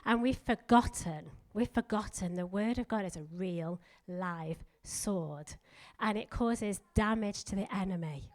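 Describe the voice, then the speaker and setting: Middle-aged woman preacher, energetic and emphatic, delivering a church sermon at an ordinary pitch. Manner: energetic, emphatic, leads the congregation in declarations. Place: church hall.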